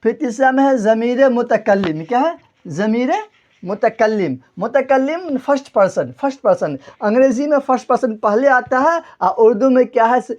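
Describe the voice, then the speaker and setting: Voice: medium pitch, expressive, a little mellow. A grammar teacher giving a classroom lesson, repeating each point and quizzing the listeners before answering their own questions. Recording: dull lo-fi recording.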